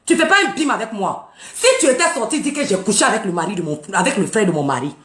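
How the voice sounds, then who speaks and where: A woman's voice: mid-range voice, animated, fast. A woman ranting on a live stream, mocking and taunting with frequent laughter and boasting. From Burkina Faso. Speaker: live social media streamer. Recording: roomy echo.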